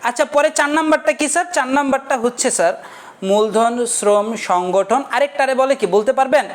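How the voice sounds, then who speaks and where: Man, quick talker, jokey lecture, rhetorical questions. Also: extremely high pitch. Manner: joking, keeps checking the class understands, asks rhetorical questions. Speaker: economics teacher. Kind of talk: casual joking lecture.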